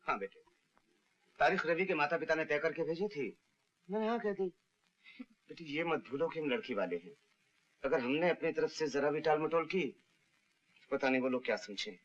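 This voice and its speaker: एक अभिनेता पुरानी हिंदी फ़िल्म में एक बुज़ुर्ग, स्नेहशील चाचा का किरदार निभा रहा है।. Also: male voice, on the high side, expressive, moderate pace, pauses often. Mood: gentle. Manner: soft, reassuring. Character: older fatherly uncle, gentle and worried. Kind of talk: 1970s Hindi film dialogue. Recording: dull lo-fi old film audio.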